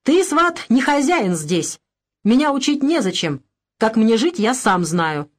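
A woman's voice: mid-range voice, animated, normal speed, lightly acted. A woman voicing a harsh, greedy rich peasant man who speaks curtly and cuttingly, in a storybook reading. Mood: furious. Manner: curt, cutting.

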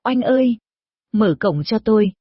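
A woman voicing a nosy, chatty older village woman who pries into her neighbor's business, in a shrill, gossipy manner, for an audio story. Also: expressive, a little slow, no room sound. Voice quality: shrill, prying. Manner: gossipy, scolding, probing. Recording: dull lo-fi recording.

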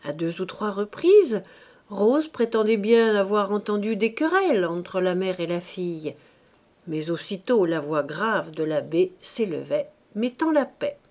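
Female narrator for a classic novel: slow, measured, with lively expressive intonation. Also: mid-range voice. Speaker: audiobook reader.

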